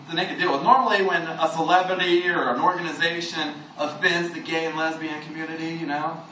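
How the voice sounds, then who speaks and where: A male stand-up comedian works a bar lounge with a high, bouncing voice, laughing along with his own jokes. He sounds distant, and the reverberant room is thick with crowd noise. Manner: animated, laughs through his own lines. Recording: echoey room from far off, noisy crowd.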